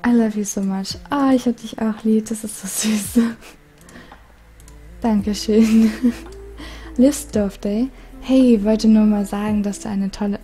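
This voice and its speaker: Calm, very mellow-voiced young woman. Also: fairly high pitch. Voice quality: calm, soothing voice. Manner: giggly, reads letters aloud with frequent laughs. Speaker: gaming YouTuber. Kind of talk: casual chat reading viewer mail.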